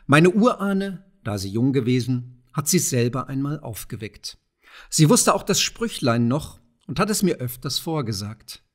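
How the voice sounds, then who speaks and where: A man voicing a poor, frail old widow who speaks softly and mildly. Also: mid-range voice, sing-song, measured pace. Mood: gentle. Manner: soft, mild, secretive.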